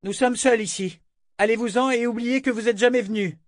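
A man's voice: very high-pitched, fairly quick, no echo, studio quality, pitched above the performer's own voice. A man voicing a stern, commanding woman. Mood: wary. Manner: firm, commanding. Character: stern, wary woman leading her household. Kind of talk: audiobook character voice.

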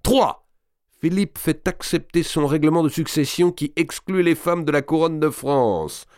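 A man reading an audiobook and voicing a boisterous, crude, scheming giant nobleman who talks loudly, mocks and laughs often. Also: a little high, animated, unhurried, no room sound, studio quality, voice pushed up. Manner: loud, mocking, bawdy, with bursts of laughter. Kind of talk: audiobook reading of a historical novel.

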